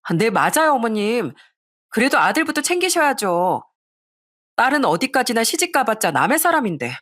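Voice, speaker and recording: A woman's voice: fairly high pitch, very animated, normal speed, fairly bright tone, pitched above the performer's own voice. A woman reading a greedy young daughter-in-law who talks back defensively and haughtily.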